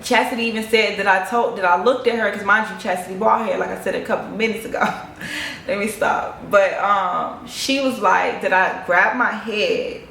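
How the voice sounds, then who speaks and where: A woman's voice: medium pitch, normal speed, gravelly, a little hiss or hum. Chatty young woman in an echoey room. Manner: animated, profane, chatty storytelling. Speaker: vlogger. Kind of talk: casual storytime monologue. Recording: echoey room, faint ambience.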